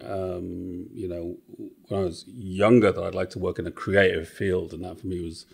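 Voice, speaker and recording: A man's voice: on the low side, gravelly, fairly bright tone, breathy edge. A middle-aged man from Wales with a Welsh accent, a podcast guest chatting casually and thinking aloud with many fillers and restarts. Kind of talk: casual interview chat.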